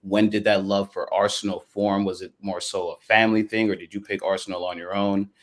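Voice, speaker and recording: A man from Liberia hosting a podcast, asking long, relaxed, rambling questions. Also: fairly low pitch, fairly quick. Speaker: podcast host. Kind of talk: casual podcast chat.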